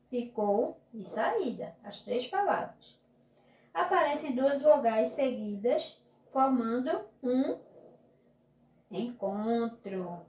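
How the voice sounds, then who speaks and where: A woman's voice: fairly high pitch, a little mellow. Brazilian lady teacher, patient and drawn out, keeps asking ok?, kinda far off in an echoey room. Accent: Brazilian Portuguese. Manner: slow, patient, drawn-out classroom explaining with frequent "ok?" checks. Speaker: primary school teacher. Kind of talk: recorded remote class lesson. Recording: echoey room, mic at a distance.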